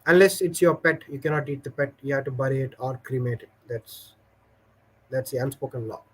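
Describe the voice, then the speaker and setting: A man hosts a casual livestream, reading viewer comments, chatting, and telling stories in a rambling, hesitant way full of fillers. His medium-pitched voice is a bit bright with a breathy edge, brisk and fairly even in intonation.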